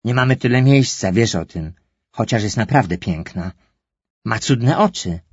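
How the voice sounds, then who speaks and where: A man's voice: lowish voice, animated, unhurried, breathy edge, no echo. Firm, practical mother, middle-aged, patient but weary; male narrator puts her on in a dull, dry storybook recording.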